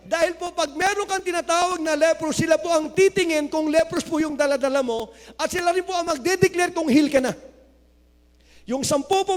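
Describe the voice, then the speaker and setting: A male pastor preaching a sermon, mixing Tagalog and English and rising to loud exclamations of praise. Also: extremely high pitch. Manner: mixes Tagalog and English, reads scripture aloud. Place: church hall. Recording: hall reverb.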